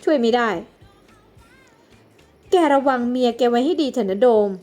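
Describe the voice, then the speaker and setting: A woman's voice: fairly high pitch, unhurried, dark tone, soft background music, close to an everyday voice. A woman voicing the mocking, vengeful ghost of a dead young woman in a homemade life-sim drama, menacing and taunting.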